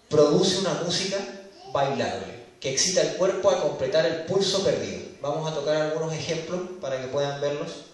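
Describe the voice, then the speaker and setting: Preacher from Chile, teaching sermon, man with a slightly higher voice; very roomy church hall, mic at a distance. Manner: explains step by step, counts beats aloud. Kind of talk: sermon teaching on music theory.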